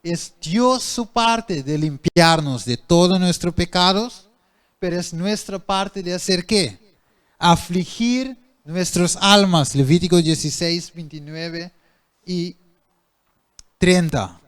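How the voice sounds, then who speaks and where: Slow-speaking man preaching a sermon. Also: on the high side. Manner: asks the congregation questions and answers them himself.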